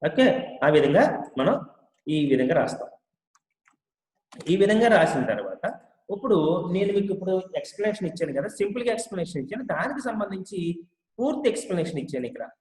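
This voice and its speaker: A man teaching English grammar to Telugu speakers, explaining step by step, repeating each example and reading English sentences out slowly. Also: high-pitched, big pitch swings, darkish tone. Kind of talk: spoken English lesson. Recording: echoey room with long reverb.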